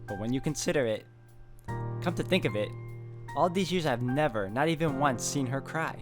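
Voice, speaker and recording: A man's voice: medium pitch, animated, normal speed. Man reading game narration over music. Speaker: video game walkthrough player. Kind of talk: reading visual novel narration aloud.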